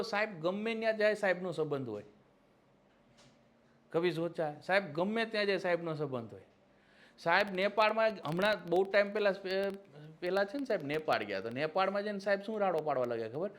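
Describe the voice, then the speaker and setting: A male history lecturer with a fairly high voice, teaching an exam-prep class. He talks in a teasing, mocking way, slips satirical asides into the lesson and keeps asking for agreement.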